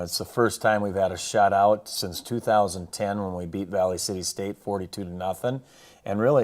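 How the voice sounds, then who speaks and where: A man who coaches football gives a casual rundown of a game and its highlights, peppered with colloquial coaching slang.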